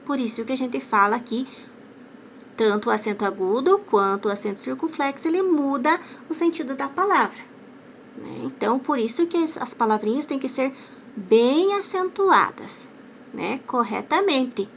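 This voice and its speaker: A woman teacher giving a lesson for children, saying each word slowly and carefully. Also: high-pitched, animated, vocal fry, a little hiss or hum. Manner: slow, over-articulated words for children. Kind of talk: classroom lesson.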